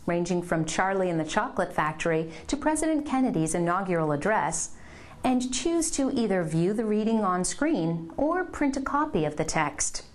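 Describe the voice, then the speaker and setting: A lowish-voiced woman acts as presenter for a product tutorial. She reads her instructional script steadily, walking through it one step at a time.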